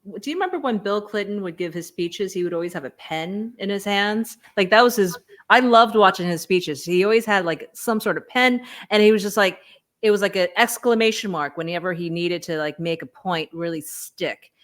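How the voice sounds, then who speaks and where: A woman's voice: mid-range voice, a little fast, fairly bright tone. A woman on a commentary panel, mocking and exclamatory, often laughing. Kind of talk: reaction commentary.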